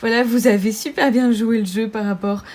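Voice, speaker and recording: A woman's voice: a little high, fairly even intonation, moderate pace, darkish tone. Bubbly chatty woman vlogger. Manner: bubbly, chatty, laughs often, many fillers. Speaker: budgeting vlogger. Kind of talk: casual chat to viewers.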